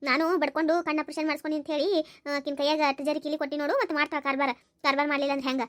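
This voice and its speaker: A woman's voice: sits high, level tone, rapid-fire, fairly bright tone. Woman doing a grumbling old granny, North Karnataka. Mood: scolding. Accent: North Karnataka Kannada. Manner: scolding, grumbling. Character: fussy old grandmother, bossy and complaining.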